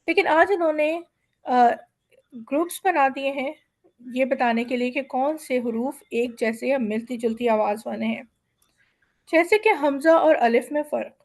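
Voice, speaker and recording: A woman teaching Quran recitation in a class, patiently explaining letter sounds and slowly sounding out example words. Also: high-pitched, darkish tone.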